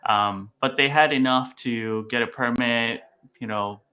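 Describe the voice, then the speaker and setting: This young man, a Vietnamese startup founder, chats casually on a podcast as a guest, full of fillers and restarts. His voice is medium-pitched, unhurried and sharp in tone.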